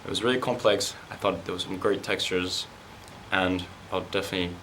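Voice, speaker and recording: A man's voice: low-pitched, fairly even intonation, brisk, a bit bright. A French Cambodian man chatting casually as a diner, laid-back and slangy. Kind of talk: casual chat over a meal. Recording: noisy dining table.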